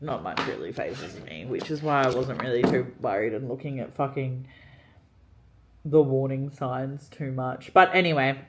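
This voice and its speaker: A woman's voice: rumbling low, moderate pace, a little hiss or hum. Chatty, swearing young woman vlogger. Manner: chatty, heavy swearing, many "like" fillers. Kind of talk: get-ready-with-me storytime.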